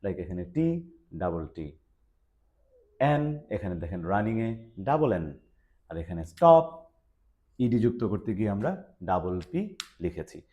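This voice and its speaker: A man explaining English spelling rules, lively and emphatic, with frequent hesitation fillers. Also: fairly low pitch, slow, long pauses. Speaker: English teacher. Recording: dull lo-fi recording.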